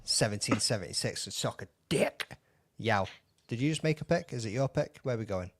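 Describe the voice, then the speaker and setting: A man's voice: lowish voice, expressive, fairly quick, no room sound, studio quality. Foul-mouthed rowdy male podcast co-host. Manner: swears freely, teasing, rowdy. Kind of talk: casual banter on a live podcast.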